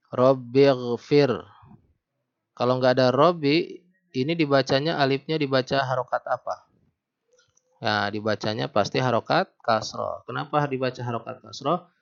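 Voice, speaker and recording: Gravelly man teaching Arabic grammar. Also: mid-range voice. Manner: patient, quizzes the listener, slows down to recite verses. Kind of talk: recorded grammar lesson. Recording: dull lo-fi home recording.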